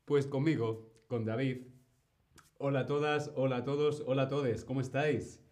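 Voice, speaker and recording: A man teaching on a live stream, speaking slowly and clearly and greeting viewers in the chat by name. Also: medium pitch, fairly even intonation, a little mellow. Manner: slow, clear, greets chat by name, imitates animal sounds. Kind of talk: live-stream language lesson.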